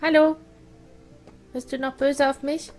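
A woman's voice: high voice, flat delivery, a little slow, darkish tone. A German woman chatting playfully over her gameplay, talking to the characters, with game music behind. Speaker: let's play host. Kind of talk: casual gameplay commentary.

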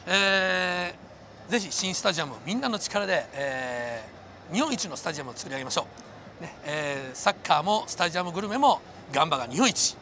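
A middle-aged man, a company president interviewed on a city street, eager and halting with many fillers. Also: on the high side, lively intonation, bright, forceful tone. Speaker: company president, sponsor guest. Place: outdoors on a busy city street. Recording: street noise behind.

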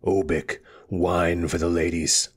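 A wounded, sharp-minded lord speaks in a measured, faintly mocking manner, read by a male storyteller. His voice is deep and unhurried, close to the reader's own tone. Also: level tone, slightly rough, full character voice. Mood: wry calm. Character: wounded, cruel-mouthed lord, a sharp and wry strategist.

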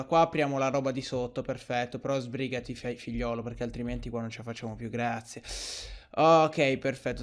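A young man doing excitable Let's Play commentary over a game, swearing often and yelling when frustrated. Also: on the high side. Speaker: gaming YouTuber.

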